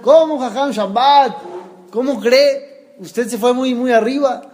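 A man voicing a panicked middle-aged tavern keeper who pleads in a high, incredulous voice. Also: slow, darkish tone. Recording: long hall reverb.

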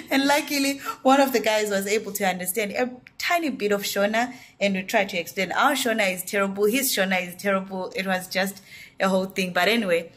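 A woman's voice: mid-range voice, fairly quick, fairly bright tone. A young woman with a Southern African accent chatting informally for a casual vlog in a small room. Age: young adult. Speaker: vlogger. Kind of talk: casual vlog chat, mixing in Bantu-language words. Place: small hotel room, indoors. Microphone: phone at arm's length. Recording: noisy handheld phone recording.

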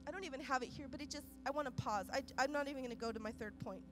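Woman pastor, high voice, impassioned sermon over clear music, swings loud to soft. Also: rapid-fire. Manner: impassioned, swings between loud urgent peaks and soft quiet passages; repeats and restarts phrases while preaching. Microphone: microphone.

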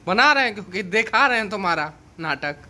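A man's voice: sits high, lively intonation, a little fast, pushed and bright. A man in his thirties filming a casual family vlog in a small room at home, pleading with his wife and sounding exasperated. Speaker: vlogger husband. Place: small home bedroom, indoors.

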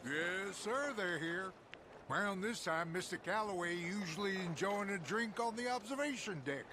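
An actor playing a courteous, formal riverboat steward in a video game. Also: male voice, high-pitched, normal speed, noisy background, natural voice. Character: polite male riverboat steward.

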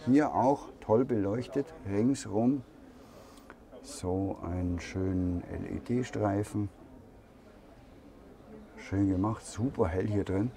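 Slow, low-voiced man touring a camper. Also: mellow. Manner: slow, thinking aloud with fillers and pauses. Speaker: camper van reviewer. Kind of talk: walkaround room tour. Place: camper van at a busy trade fair hall. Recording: crowd noise of a trade fair. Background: crowd chatter of a fair.

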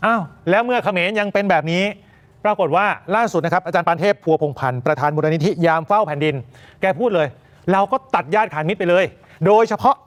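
A male news anchor giving emphatic, animated commentary. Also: sits high, quick pace.

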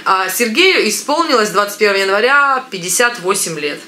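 A woman in her thirties from Ukraine chatting casually to camera in a family vlog, lively and talkative. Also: medium pitch, fairly quick, reverberant. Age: 30s. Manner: chatty, lively, gestures with hands. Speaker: family vlogger. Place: living room with floral curtains, indoors.

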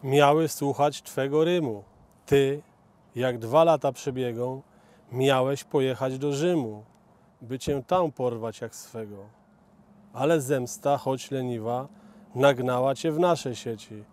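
A man, a local resident, narrating a ballad in a measured, stern way. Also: medium pitch, a little mellow. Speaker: resident reader. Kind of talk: poetry narration.

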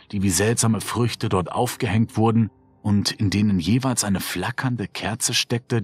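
Husky, low-voiced male horror narrator. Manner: measured, dark storytelling. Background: faint music.

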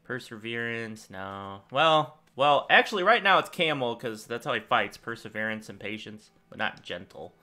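At his desk in a small room at home, a young gaming-channel host plays and muses out loud at a normal speed with few pauses. His mid-range voice wanders through casual, rambling commentary, getting louder and quieter in lively swings.

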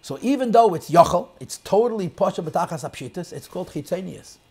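A man teaching a Chassidic text class, explaining in English sprinkled with Hebrew and Yiddish terms and shifting between loud and soft emphasis. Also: high-pitched, animated, fairly quick, husky. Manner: quotes and translates lines of text, swings loud and soft. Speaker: Torah teacher.

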